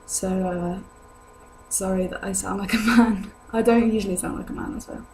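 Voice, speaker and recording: A young adult British woman talks at a normal pace, her medium-pitched voice fairly even in intonation and a little mellow. Suffering from a sore throat that drops her voice below its usual level, she answers viewer questions on camera in a casual, hesitant, rambling way. Hum and noise mark this home recording.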